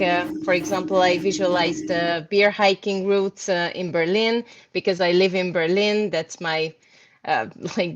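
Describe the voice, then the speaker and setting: A woman's voice: lowish voice, muffled recording. A woman from Hungary, a guest speaker answering questions casually with many hesitant fillers.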